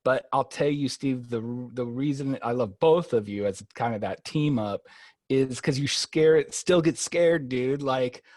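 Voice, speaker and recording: A man co-hosting a podcast, praising the guests in a halting way full of fillers. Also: medium pitch, darkish tone, no room sound. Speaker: podcast co-host. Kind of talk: interview question.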